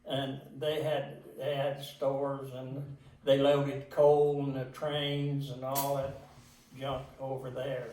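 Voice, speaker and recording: An older man with an Appalachian accent tells of his life at a slow, halting pace. He is plain-spoken and folksy, recorded at a distance from the microphone in an echoey room. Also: mid-range voice, little pitch movement, warm tone, slight background noise. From southwest Virginia mountains. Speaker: interviewee. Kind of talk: casual oral history reminiscence.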